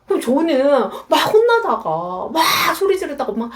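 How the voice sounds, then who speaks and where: A woman's voice: sits high, normal speed. A woman lecturer telling personal stories in a YouTube talk, acting out the voices of the people she quotes. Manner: animated, acts out quoted voices.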